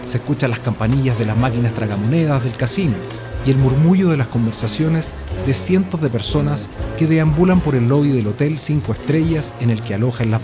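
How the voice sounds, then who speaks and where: A man reading a scripted journalistic story as narrator. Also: medium pitch. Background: music.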